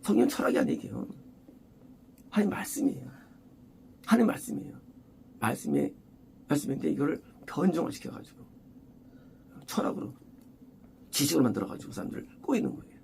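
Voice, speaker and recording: A man preaching an expository sermon as a pastor, emphatic and repetitive, often rising to loud exclamations. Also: a little high, sing-song, brisk, vocal fry, pauses often, a little hiss or hum.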